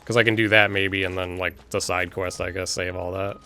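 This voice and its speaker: A man with a fairly low voice chats casually while streaming a game. He rambles informally and chuckles often, with music playing in the background. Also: little pitch movement, brisk, pushed and bright. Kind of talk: casual live stream commentary.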